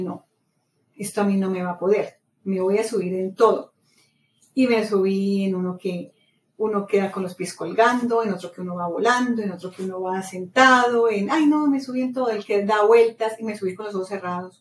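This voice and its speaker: A middle-aged woman from Latin America talks in a casual, lively monologue and repeats words as she tells a story. Her voice has a middle pitch and sounds a little distant from the microphone. It echoes in a roomy space over a faint hiss of ambient noise. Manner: animated storytelling, many repetitions. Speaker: podcast host. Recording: roomy echo, mic set far off, faint ambient noise.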